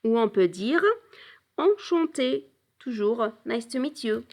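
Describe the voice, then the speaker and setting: A woman teaching a bilingual language lesson. She explains slowly, moves back and forth between French and English, and often pauses with hesitation fillers. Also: a little high, lively intonation, a little mellow.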